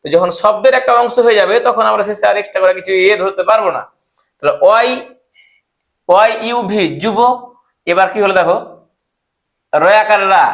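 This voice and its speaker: A man's voice: high voice, fairly bright tone. A man teaching English spelling, asking and answering his own questions as he spells words out letter by letter. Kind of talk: explaining spelling step by step.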